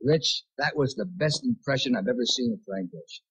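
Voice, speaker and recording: A man's voice: medium pitch, expressive, a little fast, muffled recording, very noisy. A man in his fifties, guest of honor, giving a self-mocking comic roast speech on a 1970s TV show. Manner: punchy, self-mocking timing. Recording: 1970s TV broadcast, audience laughter.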